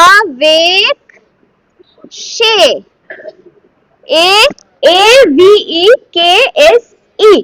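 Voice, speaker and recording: A woman's voice: extremely high pitch, fairly bright tone, no room sound, rough recording. A woman teaching Sanskrit verse pronunciation syllable by syllable, coaxing her students to repeat after her. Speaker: Gita recitation teacher. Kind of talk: line-by-line Sanskrit pronunciation lesson.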